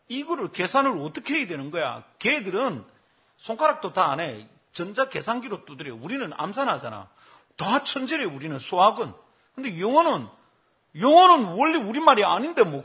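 A man's voice: a little high, breathy edge. A man, preaching a sermon as a pastor and telling stories with acted quotes. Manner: animated storytelling with acted quotes.

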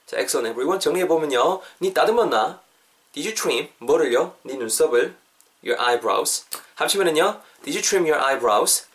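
A man hosting a podcast language lesson, chatty, explaining step by step and repeating phrases slowly for practice. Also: fairly high pitch, animated, a bit bright. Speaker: host and English teacher.

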